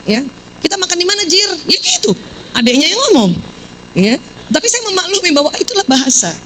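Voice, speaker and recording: Middle-aged woman, parenting seminar speaker, joking, high-ish and highly animated. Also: slight background noise, rough recording. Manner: playful and joking, quizzes the audience. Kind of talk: lively seminar talk to an audience.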